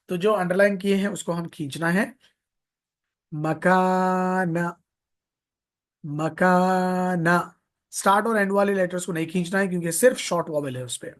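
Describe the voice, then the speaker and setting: A high-pitched man leads a slow, drilled tajweed lesson in a live online Quran recitation class. He says each word several times, stretches the long vowels and slips English teaching terms into his speech.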